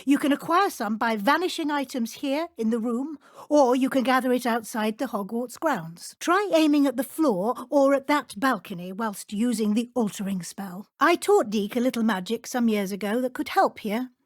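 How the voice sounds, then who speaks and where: An actress playing a brisk, strict but encouraging British witch professor in a video game, speaking in a formal, articulate way. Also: on the high side, animated, no room sound, studio quality. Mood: composed, instructive. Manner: crisp, formal, articulate schoolteacher. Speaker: professor and deputy head at a wizarding school. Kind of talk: video game character dialogue.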